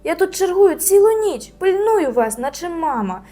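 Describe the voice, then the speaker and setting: A woman voicing a strict camp counselor in a storybook reading, scolding loudly. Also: steady tone, quick pace, faint music behind, close to an everyday voice. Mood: shrieking. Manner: scolding, shrill when shouting.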